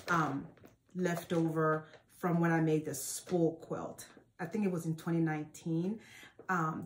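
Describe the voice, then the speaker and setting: Forties woman, lower-pitched, casual chatty vlog host, talks to camera in a sewing room. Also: a little hiss or hum. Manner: chatty, with frequent fillers and restarts. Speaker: quilting channel host. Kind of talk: casual show-and-tell vlog.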